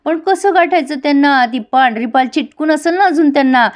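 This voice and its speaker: A woman's voice: high voice, brisk. Chatty woman retelling a soap episode. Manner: chatty, addresses viewers directly. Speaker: serial recap narrator. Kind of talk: casual storytelling recap.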